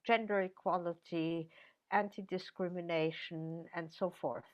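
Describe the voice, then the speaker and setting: An older woman speaks slowly and deliberately, giving an academic answer in an interview. Her voice sits fairly low, and she pauses often on fillers and restarts. The sound is dull and lo-fi, like a video call. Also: steady tone. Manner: measured, many fillers and restarts. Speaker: interviewee, professor.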